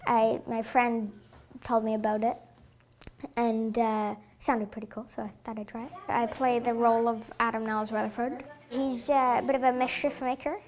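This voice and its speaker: A woman with a fairly high voice chats in an informal interview. She talks as an amateur volunteer actor. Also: level tone, moderate pace, a little mellow.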